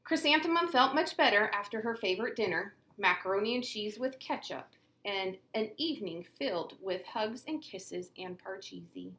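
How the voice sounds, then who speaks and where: A female teacher reading a picture book aloud in an expressive storytelling manner. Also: mid-range voice, moderate pace, few pauses, reverberant. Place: classroom.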